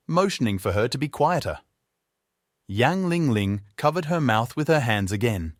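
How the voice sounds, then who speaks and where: A man narrating a scripted story recap in an even, matter-of-fact way. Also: medium pitch, no room sound, clean studio sound.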